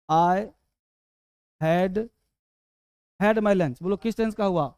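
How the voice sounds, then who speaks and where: Man, grammar teacher, quizzing, smooth voice, dry sound. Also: high voice, a little mellow, no room sound. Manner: quizzing, repeatedly urging quick answers. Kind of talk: classroom lesson.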